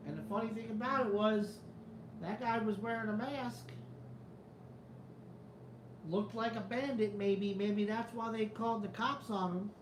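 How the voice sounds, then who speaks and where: A man with a high-pitched voice speaks at a measured pace with long pauses, in an echoey room with a noisy background. He hosts a casual live chat, reading it aloud, rambling, skeptical and swearing freely, with a New York Italian-American accent that comes and goes; he's from the New York area.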